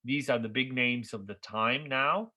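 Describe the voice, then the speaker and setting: A man's voice: mid-range voice, unhurried, sharp tone. A middle-aged man whose first language is Italian, giving a university lecture on architecture history, thinking aloud with fillers and checking in with "okay?".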